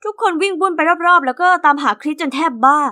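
A woman narrating as a cheeky teenage orphan girl in an animated diary story. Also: high voice, quick pace. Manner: lively, cheeky first-person storytelling.

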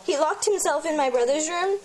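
Late at night at home, a young woman vlogger chats casually and teasingly into a handheld camera, whose built-in mic picks her up indoors. Her voice is high-pitched and a little fast.

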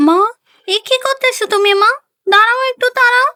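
A woman's voice: extremely high pitch, brisk, bright, forceful tone, voice pushed up. A woman voicing Moyna, an earnest little daughter begging her mother in a doll story, repeating "mother" as she pleads. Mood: pleading.

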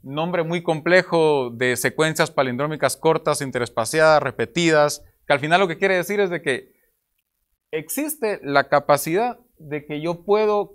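A man's voice: a little high, moderate pace, fairly bright tone. A young man from Guatemala with a Guatemalan Spanish accent, presenting at an academic conference panel in an explanatory way, asking rhetorical questions, speaking into a table microphone. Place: conference room with projector slides.

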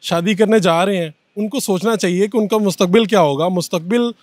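A young man, hosting a brisk street interview outdoors with a handheld mic. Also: high-pitched, darkish tone, no room sound, studio quality. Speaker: interviewer and anchor. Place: busy city street outdoors.

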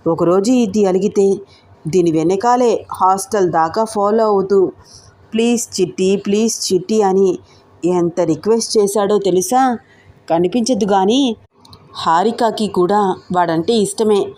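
A woman's voice: mid-range voice, unhurried, warm tone, natural voice. Chatty gossiping college girl in a storybook romance, voiced by the storyteller. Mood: gossipy. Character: young woman student, gossipy friend.

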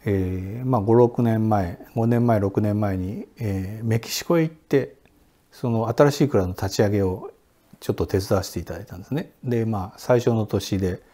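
A sake brewery director in his sixties answers interview questions in a low, dark, somewhat husky voice. Seated in a quiet Japanese room with sliding doors, he explains things at an easy pace in a relaxed way, pausing often on fillers.

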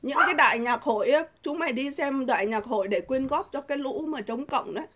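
A woman's voice: high voice, quick pace, fairly bright tone. A middle-aged woman, delivering a combative, insulting vlog rant full of rhetorical questions. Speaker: vlogger. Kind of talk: angry political rant to camera.

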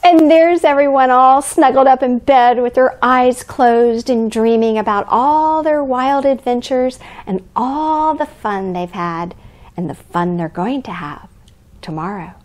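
A woman's voice: sits high, unhurried, darkish tone. A woman playing a cheerful, grandmotherly Mrs. Claus, reading a picture book aloud to young children in an exaggerated, sing-song way. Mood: gentle, cosy. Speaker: children's storyteller. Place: living room by a fireplace, indoors.

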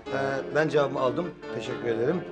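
A man's voice: medium pitch, brisk, over music, close to an everyday voice. An actor playing a cheeky, teasing young man in a sitcom, playful and mischievous. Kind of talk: sitcom acting.

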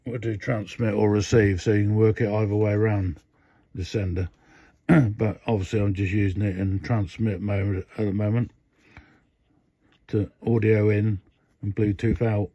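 An older man's low-side voice is dark and slightly rough, delivered flatly at a normal speed as he casually shows a radio modification at his indoor workbench. The hobbyist rambles through many fillers and restarts. Audio is dull, dry lo-fi phone sound.

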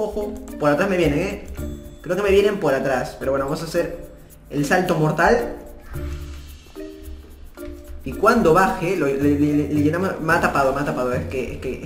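A young man giving casual gameplay commentary from his new apartment, chatty and prone to sudden excited outbursts. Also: a little high, normal speed, long pauses. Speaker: gaming YouTuber. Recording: echoey room, faint background music.

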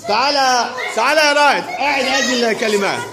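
Brisk male teacher running a class game. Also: very high voice, crowd noise, background noise. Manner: brisk, directive, urging pupils on. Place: classroom, large room.

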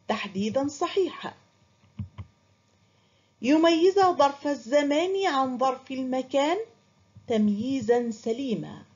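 A woman's voice: high voice, darkish tone, dull audio. A woman teaching a primary school grammar lesson, asking pupils questions and praising their imagined answers. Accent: Qatari. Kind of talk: recorded classroom lesson.

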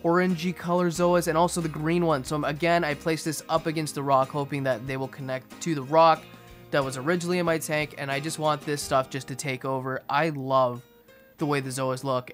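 A young man giving a casual aquarium update voice-over in a monotone, restrained way. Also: fairly high pitch, quick pace. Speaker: fishkeeping video host. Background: music behind the voice.

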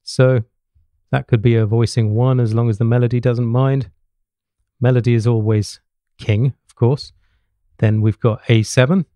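A middle-aged jazz piano teacher from England delivers his lesson in a warm, mid-range voice, flat in delivery, at normal speed, pausing often and checking understanding with short tag questions. Piano demonstrations play in the background of his small home study with bookshelves, recorded close on a large studio mic on a boom arm with no echo.

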